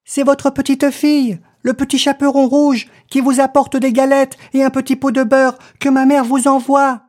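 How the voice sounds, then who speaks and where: A man's voice: level tone, darkish tone. A man doing a naive little storybook girl. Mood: trusting. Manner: high, quick, innocent little voice.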